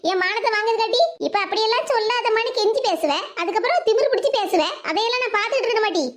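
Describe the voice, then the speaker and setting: A woman voicing a strict, worried village mother in an animated family cartoon, scolding in a southern Tamil accent from the Tirunelveli-Kanyakumari area. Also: very high voice, rapid-fire. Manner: scolding, stern.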